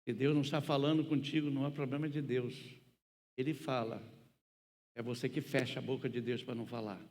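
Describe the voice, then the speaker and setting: A man preaching a sermon as pastor, with slow, emphatic pauses that build to loud, ringing passages. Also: mid-range voice, fairly even intonation. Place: church sanctuary. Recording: church hall reverb.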